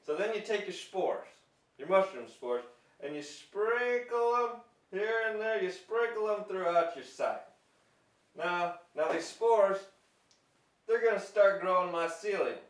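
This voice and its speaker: A young man playing a cheerful, homespun male mushroom scientist who lectures folks and kids in an amateur news parody. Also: high voice. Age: young adult. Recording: roomy, distant from mic.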